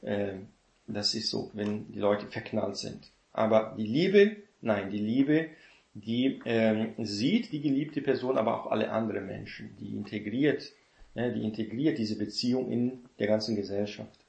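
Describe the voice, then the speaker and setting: Gravelly man preaching in an echoey room. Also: lowish voice, unhurried, darkish tone, muffled recording. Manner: teaching, repeats lines and keeps adding "ne?". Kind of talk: sermon.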